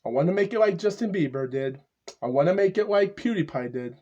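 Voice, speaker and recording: A man in his twenties talking to the camera in a casual vlog monologue, halting and repetitive, stuttering often. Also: high voice, lively intonation, dark tone, muffled recording. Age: 20s. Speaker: YouTuber. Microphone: camera mic.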